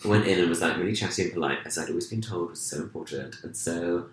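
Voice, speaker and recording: A man's voice: low voice, fast. A young man from England, chatting as a guest and telling stories in a chatty, self-mocking way. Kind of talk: casual chat. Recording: roomy echo.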